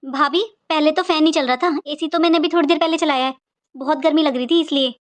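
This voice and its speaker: Casting: a woman as a quiet, wounded young mother in a cartoon, soft, high-pitched voice. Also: fairly even intonation, fast, no room sound, natural voice. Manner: soft, subdued, resigned. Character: weary, hurt young mother staying at her parents' home.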